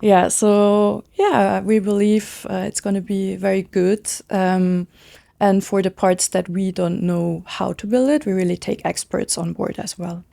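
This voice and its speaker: A woman in her thirties from Switzerland, chatting in an interview as a founder, eager and quick with lots of casual fillers. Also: mid-range voice, steady tone, gravelly, dark tone. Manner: fast, enthusiastic, many "like" fillers. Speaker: guest, brand founder.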